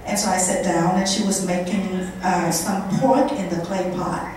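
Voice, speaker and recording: A middle-aged woman, a guest speaker at a charity event, tells a story to a live audience in an indoor country club function room, speaking conversationally and animatedly while voicing quoted dialogue. Her voice is on the low side at a normal pace, and her handheld mic is picked up by a far camera, giving heavy echo and faint noise.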